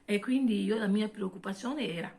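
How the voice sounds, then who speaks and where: A woman's voice: mid-range voice, fairly quick, creaky, mellow. Casual woman vlogger with a French accent. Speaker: vlog co-host. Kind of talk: casual chat to viewers.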